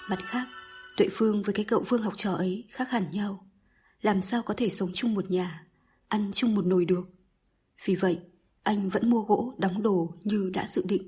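Breathy husky lady reading a novel aloud, calm and even. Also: medium pitch. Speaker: narrator. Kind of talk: scripted audiobook narration.

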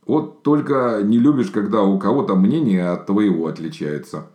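A man voicing a gentle, earnest bear cub in a storybook, in an echoey room. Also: on the low side, lively intonation, moderate pace, voice pushed up, close to an everyday voice.

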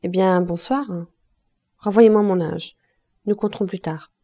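A woman's voice: medium pitch, measured pace, warm tone. A woman voicing a stern reproachful mother. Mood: curt. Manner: insistent, scolding. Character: stern middle-aged mother, lacemaker, reproachful.

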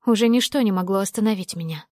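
Woman narrator for first-person fiction, mid-pitched, dry studio sound, expressive reading. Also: fast, no echo. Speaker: audiobook narrator.

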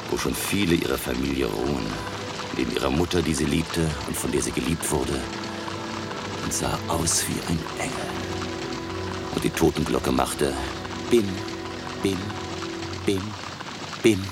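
An actor playing an elderly, eccentric professor in a German radio drama, emotional and courteous, theatrical and ruminative with rhetorical questions. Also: male voice, extremely low pitch, measured pace, gravelly, pauses often, loud music behind the voice, heavily acted. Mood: grieving, agitated. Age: older.

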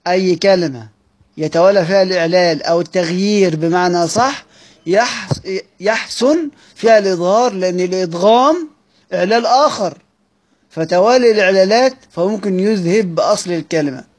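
A man's voice: sits high, brisk, darkish tone. A man with an Egyptian accent teaching Quranic recitation, reading a text aloud and explaining it, repeating phrases and quizzing his listeners. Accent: Egyptian Arabic.

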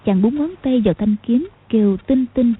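A woman narrating an audiobook in a steady storytelling manner. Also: a little high, moderate pace, breathy edge, phone-quality sound. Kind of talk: scripted narration.

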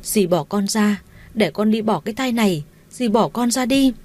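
Brief: woman narrator doing a whiny, pleading schemer, a little higher than her narration. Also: animated, moderate pace, darkish tone, lightly acted.

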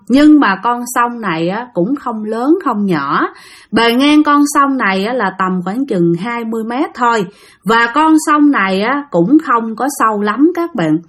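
A woman with a Southern Vietnamese accent narrates a ghost story to her listeners. Her voice sits a little high, and she talks in a loose, chatty way, often trailing her phrases with a drawn-out syllable.

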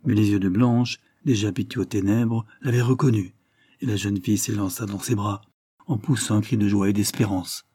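A man reads a classic novel aloud with a steady, measured storytelling delivery. His voice is low, mellow and a little husky, giving the narration a soft, dark tone. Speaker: audiobook narrator.

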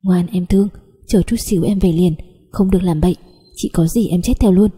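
A woman's voice: lowish voice, fairly quick, dark tone, husky, big-room sound. A woman voicing a protective young cousin who coaxes and scolds tenderly in a story reading. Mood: coaxing.

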